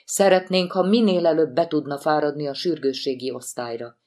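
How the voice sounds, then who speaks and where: A woman voicing a calm, formal woman social worker on the phone, in an audiobook. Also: deep voice, lightly acted.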